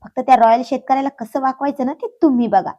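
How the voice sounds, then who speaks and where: A woman's voice: high-pitched, fairly even intonation, fast, mellow, lo-fi sound. A woman voicing a scheming, persuasive man in a suit who deals in land.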